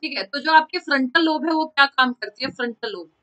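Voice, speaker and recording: Bright high-voiced woman teaching. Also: brisk, faint music behind, poor audio. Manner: mixes Hindi and English terms, repeats key phrases; addresses students by name from chat. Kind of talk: live online class.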